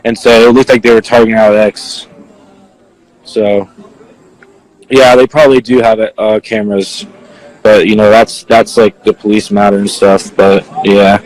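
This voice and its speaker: A young man, an eyewitness, answering viewer questions in a casual, halting way, full of "like" and "you know.". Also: lowish voice, darkish tone, poor audio. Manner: halting, filler-heavy, leans on "like". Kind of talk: casual spoken account.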